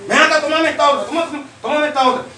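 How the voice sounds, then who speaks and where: A man's voice: very high voice, racing, crowd noise, pitched above the performer's own voice. A man playing a blustering vain young muscleman. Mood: indignant. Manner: indignant, blustering. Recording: echoey room, distant mic.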